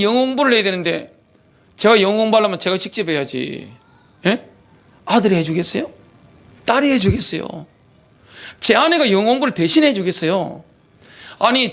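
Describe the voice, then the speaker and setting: A middle-aged male pastor preaches animatedly in a church sanctuary, his voice sitting high and a bit bright. He fills the sermon with rhetorical questions.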